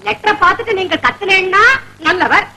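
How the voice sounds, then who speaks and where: A woman's voice: extremely high pitch, a little fast, bright, forceful tone, slight background noise, full character voice, poor audio. An actress playing a meddling, scheming married neighbor woman in a classic film comedy, talking in a bossy, gossipy way full of theatrical exclamations. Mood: indignant. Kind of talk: 1970s Tamil film comedy acting.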